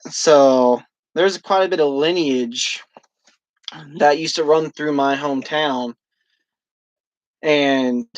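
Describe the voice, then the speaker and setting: A man's voice: on the high side, no room sound, low-quality recording. Casting: man from northwestern Indiana, eager rambling train talk, dry close sound. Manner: enthusiastic, rambling railfan detail. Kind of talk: casual chat on a video call. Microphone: video call.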